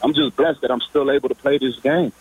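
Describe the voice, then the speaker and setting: A Liberian-born football player in his twenties tells his story casually in a phone interview, rambling and restarting his sentences many times. His medium-pitched voice holds a steady tone, moves fairly quickly, and has a breathy edge over a rough recording.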